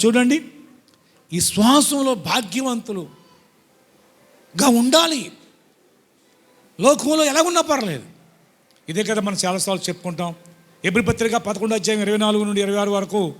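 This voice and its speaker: A man preaching a sermon as pastor, pleading and emphatic, swinging between loud bursts and soft asides. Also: high-pitched. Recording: long hall reverb.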